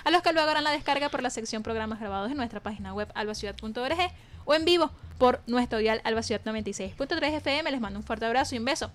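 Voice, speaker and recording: A Venezuelan woman hosting a radio show, signing off with brisk on-air patter. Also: on the high side. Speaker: radio host.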